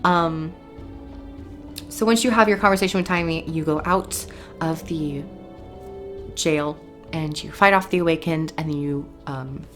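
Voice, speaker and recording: Low-voiced woman recapping a game story. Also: a bit bright. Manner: enthusiastic, rambling with restarts. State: tired. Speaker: game reviewer.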